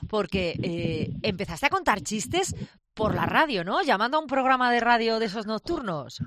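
A woman's voice: a little high, big pitch swings, normal speed, a bit bright. A woman hosting a radio interview, often repeating words as she searches for her phrasing. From Aragón. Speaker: radio host.

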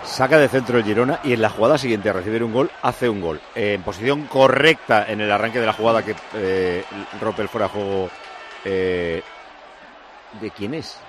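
A man's voice: on the low side, normal speed. A man with a Spanish accent from Spain giving chatty live football analysis as a pundit. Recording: noisy stadium background.

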